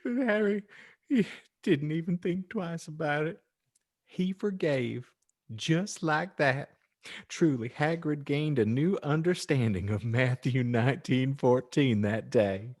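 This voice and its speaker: His voice is a little high and darkish, and he reads slowly. He hosts a podcast, giving a story comic audiobook treatment with theatrical, mock-earnest flair and jokey asides.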